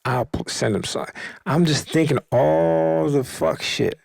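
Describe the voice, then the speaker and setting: A podcast host, a man, tells a story in loose, profane slang and bumps his voice up whenever he acts out what someone said. His voice is deeply gravelly and husky, and it sits close and dry with no room around it. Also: measured pace, a little mellow, no room sound. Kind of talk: casual storytelling.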